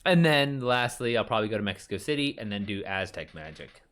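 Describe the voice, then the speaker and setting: A man's voice: fairly low pitch, animated, quick pace, fairly bright tone. Thirties male author-streamer, loose and rambling, restarts his sentences, chats with viewers. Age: 30s. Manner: rambling, chatty, many fillers and restarts; talks back to chat readers. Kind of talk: casual live-stream chat. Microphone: streaming mic.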